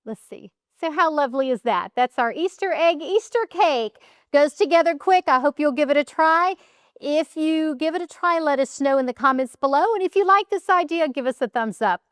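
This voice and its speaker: A woman's voice: high-pitched, expressive, normal speed, no room sound, clean studio sound. A woman hosting a home cooking demonstration, chatting and thinking aloud as she decorates a cake in her kitchen. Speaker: cooking show host.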